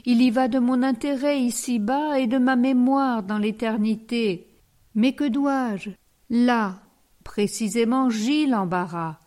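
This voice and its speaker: A woman's voice: on the high side, takes it slowly, warm tone. A woman voicing a pompous, pedantic elderly man who weighs every word, in a read storybook. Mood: fussy. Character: fussy pompous elderly male parishioner.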